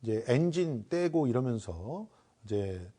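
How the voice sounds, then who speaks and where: Mellow-voiced male political commentator. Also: mid-range voice, sing-song, unhurried. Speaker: panel commentator. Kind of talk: political analysis in a panel discussion.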